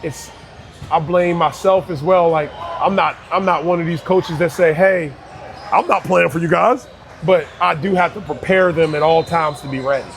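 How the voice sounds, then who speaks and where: A man in his thirties who coaches youth basketball in Barbados answers questions earnestly in a casual interview, repeatedly restarting his words. His gravelly voice is on the high side and moves at normal speed, with soft music in the background.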